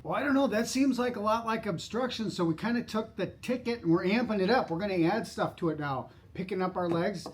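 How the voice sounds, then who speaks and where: A man's voice: high voice, a little fast, few pauses, background noise. A blunt, mocking man giving lawyer's reaction commentary on footage.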